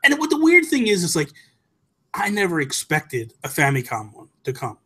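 An American man in his thirties co-hosts a casual gaming chat podcast from a small home room, using a close desk microphone and headset. His voice is on the high side, sharp and husky, with huge pitch swings at normal speed, and he speaks emphatically, repeating phrases for stress.

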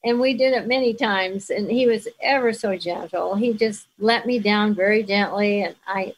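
A woman's voice: mid-range voice, normal speed, rough recording. An older woman, a guest in an interview, telling stories about her past with frequent laughter. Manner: warm storyteller, laughs often. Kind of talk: reminiscing conversation.

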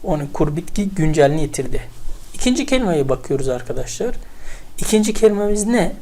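Chatty and animated, a teacher runs an online English vocabulary lesson with a mid-range voice, asking questions aloud to themselves while recalling memory tricks.

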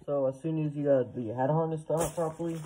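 A man's voice: on the high side, steady tone, brisk, warm tone, a little hiss or hum, poor audio. A man speaking through a gas mask, giving casual step-by-step instructions as he demonstrates his gear. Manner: loose, informal step-by-step instructions. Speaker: gear collector demonstrating equipment.

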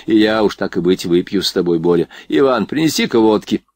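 A man's voice: on the low side, animated, brisk, darkish tone, no echo, studio quality. A man voicing a teasing young male officer who mocks his friend. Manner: mocking, sly.

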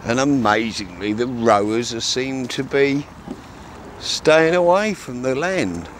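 Slow yet animated, a mid-range male voice rambles to camera with fillers and restarts while its owner, a fishing vlogger, fishes from a grassy riverbank by calm water. The camera mic is a few metres away, he frequently turns aside, and slight background noise is present.

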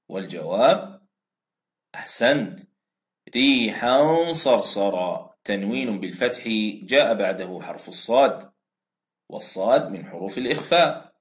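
Low-voiced male teacher drawing out words. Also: reverberant. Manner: slow drawn-out modeling of example words for students to repeat; praises imagined student answers. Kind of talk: recorded Quran recitation lesson.

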